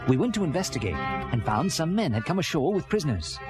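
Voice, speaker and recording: With a voice on the high side and a slightly fast pace, a man acts the part of an earnest castaway adventurer on a vintage record with background music. He delivers the story theatrically and with animation, like a dramatized children's read-along, sounding earnest and reflective.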